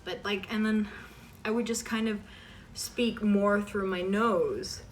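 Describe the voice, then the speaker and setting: Speaking slowly with fairly even intonation at a medium pitch, this woman from Canada chats casually while answering questions. The host of a fan voice-acting channel, she rambles, pokes fun at herself, and lets asides trail off. The recording comes from a distant mic with a faint noise underneath.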